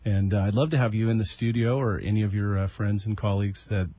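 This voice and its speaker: A man's voice: lowish voice, steady tone, quick pace, dull audio. A man hosting a live community radio talk show in a studio, talking in a casual, rambling way with many fillers and restarts, heard with an AM radio broadcast sound.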